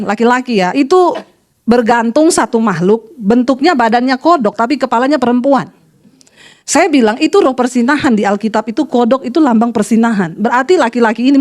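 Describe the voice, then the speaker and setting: A woman pastor preaching a sermon in an animated storytelling manner, acting out the voices of people in her stories. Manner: animated storytelling, quoting voices with shifts in pitch.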